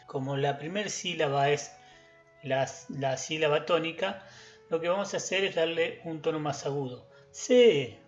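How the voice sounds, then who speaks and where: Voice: medium pitch, normal speed, dull audio. A music teacher giving a recorded lesson, patiently chanting example words syllable by syllable.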